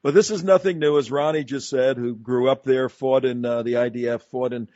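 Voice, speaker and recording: This talk radio host, a man in a studio, talks fairly quickly in a mid-range, slightly mellow voice with fairly even intonation. His delivery is emphatic and combative, strung together in long run-on sentences, and the dry studio broadcast is dull with no room sound.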